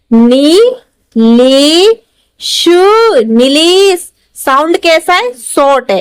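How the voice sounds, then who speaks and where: A woman's voice: high voice, no echo. A woman, an English teacher patiently spelling out words syllable by syllable in a lesson. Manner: patient, explanatory, repeats and stretches syllables. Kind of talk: slow step-by-step spelling lesson.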